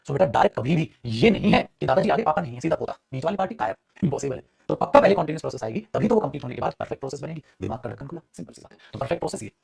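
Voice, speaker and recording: Fast-talking high-voiced Hindi teacher, gravelly. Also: male voice, lively intonation, crowd noise. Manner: calls students "beta", asks and answers his own questions; acts out students' replies in a lower voice. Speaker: English teacher. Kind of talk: classroom grammar lesson.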